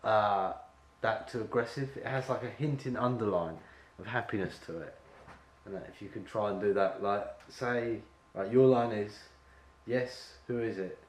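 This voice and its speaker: A man's voice: fairly low pitch, moderate pace. A man directing an actor at an audition, rambling and full of fillers as he explains the scene. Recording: echoey room with faint ambience.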